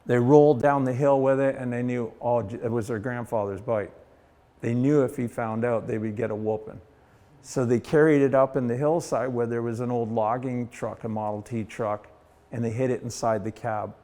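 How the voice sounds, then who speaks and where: A man's voice: mid-range voice, fairly even intonation, normal speed, dark tone. A middle-aged Canadian man giving a casual guided tour of his collection, telling stories in a folksy way and acting out the people he quotes. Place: heritage centre exhibit hall.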